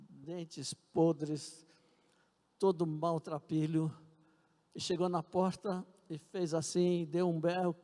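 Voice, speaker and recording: A Brazilian man preaches in a church sanctuary, earnest and fond of repeating himself as he tells his testimony. His voice sits fairly high yet sounds mellow and soft-edged. A long, lingering church reverb trails after his words. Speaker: pastor. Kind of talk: sermon with personal testimony.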